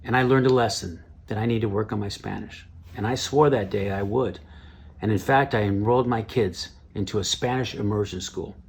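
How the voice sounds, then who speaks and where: A middle-aged comedian hosts an awards ceremony, telling stories with punchy timing. His voice is gravelly with a husky, unpolished texture. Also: fairly low pitch, brisk. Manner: storytelling, punchy delivery. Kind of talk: standup comedy.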